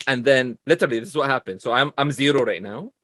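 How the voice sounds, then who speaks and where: A man with a thick non-native English accent tells stories as a guest in a casual interview. He is animated, talkative and quick to poke fun at himself, at a mid pitch. The sound is dry and close, with no room echo. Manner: animated, chatty, self-deprecating.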